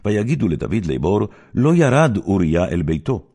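A man with a very low, creaky voice narrates scripture in a solemn, measured way. He is still highly expressive, using wide swings in intonation to give the biblical story a dramatic shape.

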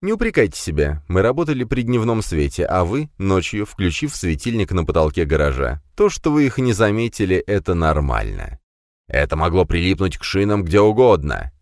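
A sarcastic police interrogator, put on by a male narrator, needling a suspect with pointed questions. The voice is low yet lively in pitch, recorded close and dry. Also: normal speed, dry recording. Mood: calm. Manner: mocking, pressing questions.

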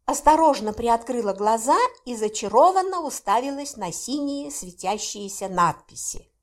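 A woman narrating a first-person fantasy audiobook in an expressive, animated reading. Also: on the high side, moderate pace.

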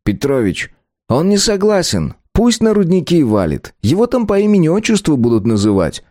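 A man's voice: a little high, huge pitch swings, normal speed, dark tone, dry recording, clean studio sound, pitched above the performer's own voice. A man voicing a smug, flippant rich young man who jokes about others. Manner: flippant, joking.

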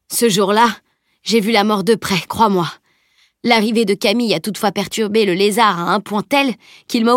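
A woman voicing a huge, good-humoured male knight in an audiobook, speaking in a booming, teasing way. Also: dry recording, studio quality, close to an everyday voice.

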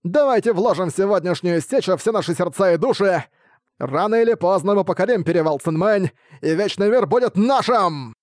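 Guy putting on a brash barbarian khan chieftain, raised and pushed high, loud swaggering war cry talk in a dry close audiobook read. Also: lively intonation, fairly quick, no room sound. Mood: boastful rallying. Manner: loud, boastful rallying speech. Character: boisterous barbarian khan warlord, man. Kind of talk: audiobook character voice.

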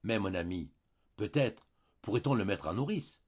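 A man's voice: lowish voice, expressive, normal speed, a little mellow, breathy edge. A man voicing a young wife, earnest and stubborn, pleading and insistent, on a dull lo-fi recording.

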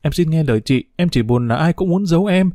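Brief: male reader playing a tearful, anxious young woman in an audiobook; a little higher, mellow tone. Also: lively intonation, a little fast, dry recording, studio quality, lightly acted. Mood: hurt. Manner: pleading, emotional.

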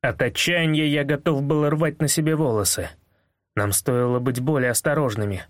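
A man narrating a novel in the first person, in a measured, brooding way. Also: medium pitch, no room sound, studio quality. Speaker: audiobook narrator.

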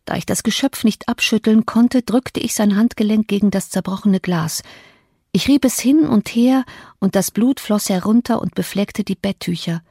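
A woman's voice: medium pitch, moderate pace, mellow, breathy edge, no echo. Woman narrating a novel, dry close sound. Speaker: audiobook narrator. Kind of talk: scripted narration of a classic novel.

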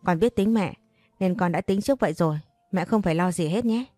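A woman voicing a cold, calculating young husband in an audio story, speaking calmly and dismissively. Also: on the low side, fairly quick, dry recording, faint music behind, natural voice. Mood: scheming.

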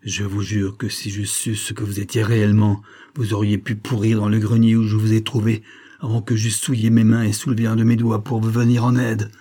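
An indignant army major, voiced by a man narrating a storybook, low and dark, with a husky edge. He hurls scornful accusations in measured bursts. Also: level tone, close to an everyday voice. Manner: scornful, denouncing.

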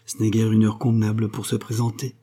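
A man's voice: on the low side, completely flat delivery, fast talker, warm tone, breathy edge. A man voicing a timid, lovesick young clerk who swings between bursts of nerve and sighs, in a read-aloud novel. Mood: rueful. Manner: exclaiming, then sighing.

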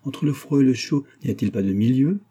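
A man voicing a feverish, defiant nineteen-year-old girl in a read-aloud novel, in a husky, tense, pleading tone. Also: medium pitch, moderate pace, warm tone, muffled recording, pitched above the performer's own voice, close to an everyday voice. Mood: feverishly bright.

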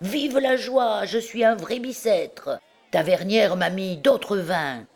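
A woman's voice: a bass voice, lively intonation, a little slow, darkish tone, exaggerated voice. A woman voicing a rowdy, boastful drunken young male student in an audiobook, exclaiming and laughing. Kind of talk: audiobook character reading.

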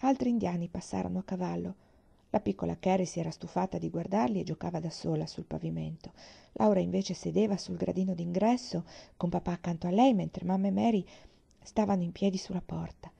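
Gravelly, warm woman reading aloud. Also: fairly low pitch, fairly quick. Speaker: reader. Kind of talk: audiobook narration.

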